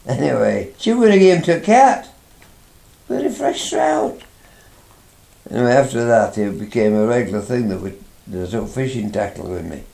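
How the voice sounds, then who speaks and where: A man's voice: medium pitch, very animated, normal speed, gravelly, mellow, roomy sound. An older man from England, telling a rambling, chatty fishing anecdote from his youth, with frequent restarts. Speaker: interviewee, father recalling his youth. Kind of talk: anecdotal storytelling.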